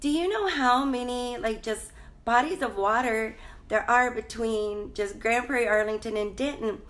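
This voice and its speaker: A congested woman life coach with a slightly high, fairly bright voice talks at a normal pace, chatting and rambling on a live stream from her hotel room. She greets viewers by name and coughs a little now and then.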